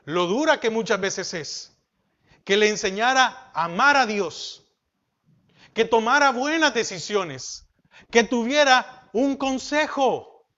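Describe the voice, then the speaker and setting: A man preaching a sermon as pastor, asking the congregation questions and dropping from loud emphasis to soft. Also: very high-pitched, lively intonation, slow pace, highs cut off.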